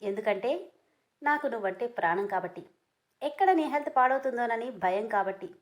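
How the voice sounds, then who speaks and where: A woman's voice: fairly high pitch, animated, fairly quick, close to an everyday voice. A woman voicing a teasing, persistent young man who keeps pestering the woman he loves. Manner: playful, pushy banter.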